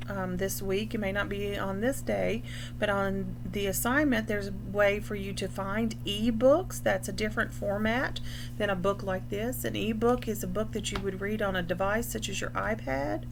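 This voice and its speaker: On a noisy recording, a school librarian with a voice on the high side gives young children an instructional read-aloud of a picture book. Explanatory throughout, she stops to define words and explain things as she reads.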